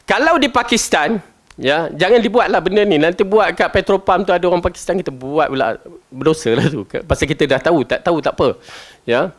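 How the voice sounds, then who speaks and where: Animated high-voiced Malaysian male teacher. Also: a little fast. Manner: animated, jumps between loud stresses and low asides; chatty, asks the listeners questions. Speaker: religious teacher. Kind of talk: Quran commentary lesson.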